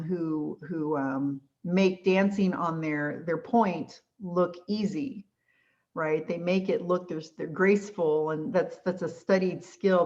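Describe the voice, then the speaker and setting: A tired woman on a video call in a casual group discussion, chatty and searching for her words. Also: sits low. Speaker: study group member. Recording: muffled video call audio.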